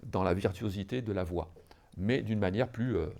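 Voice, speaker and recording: A man's voice: on the low side, moderate pace, creaky, darkish tone. A man giving a podcast lecture on music history, explaining in a teacherly way to listeners, with many hesitations, fillers and restarts. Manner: addresses listeners directly, teacherly.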